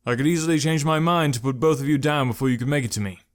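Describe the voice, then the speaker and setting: A man voicing a calm, curt young male archer in an audiobook, speaking dry and clipped. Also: medium pitch, racing, dry recording, pitched above the performer's own voice, lightly acted. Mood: commanding. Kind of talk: audiobook character voice.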